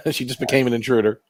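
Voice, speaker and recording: A medium-pitched man co-hosts a podcast's casual watch-along, riffing loosely in banter. He laughs easily, chats freely and looks things up out loud; there is no echo.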